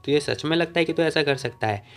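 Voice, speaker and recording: A man's voice: fairly high pitch, fast, a bit bright, clear, resonant tone. A man doing a taunting vengeful young hero. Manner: cold, taunting, threatening. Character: furious young male martial hero seeking revenge.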